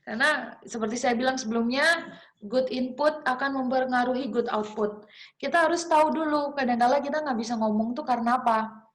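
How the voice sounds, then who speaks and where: A young English teacher gives an informal class lecture in a high, brisk voice. She's chatty and encouraging, full of fillers and restarts.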